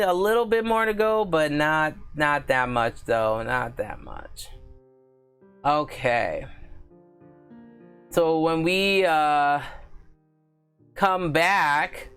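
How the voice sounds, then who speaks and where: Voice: medium pitch, fairly bright tone, clean tone. Chatty gushing book vlogger. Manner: chatty, filler-heavy, keeps addressing viewers as guys; giggly and gushing. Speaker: book reviewer and channel host. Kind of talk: casual live-stream chat.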